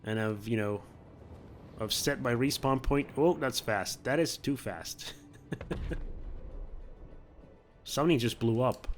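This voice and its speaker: A man of medium pitch giving casual gameplay commentary, coaching himself through each careful step with little chuckles. Soft music sits faintly underneath. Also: takes it slowly, pauses often. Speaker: gameplay video host.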